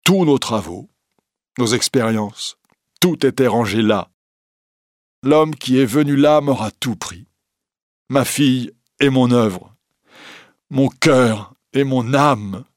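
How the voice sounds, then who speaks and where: A man's voice: fairly low pitch, unhurried, no room sound, natural voice. Grieving elderly professor, subdued and sighing, read by a man, dry close sound. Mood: anguished. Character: grieving elderly male professor, weary and proud. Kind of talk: audiobook character reading.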